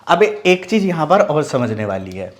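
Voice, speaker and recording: A man from the Mithila region of India, a Hindi teacher giving an online video lesson. He explains step by step, repeats example words slowly and often checks whether his listeners follow. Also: a little high, big pitch swings.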